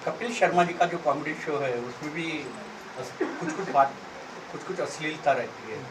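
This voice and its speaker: A man's voice: fairly high pitch, moderate pace. A man, a reporter, asking direct and pressing questions at a press conference. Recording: noisy distant mic at a press event.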